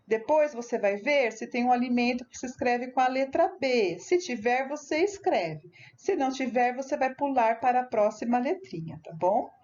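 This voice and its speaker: A Brazilian primary school teacher with a Brazilian Portuguese accent slowly and patiently guides a young pupil through worksheets in a recorded remote lesson, speaking to the child directly with tag questions. Her voice is a little high and a little mellow, with lively intonation. The recording sounds muffled.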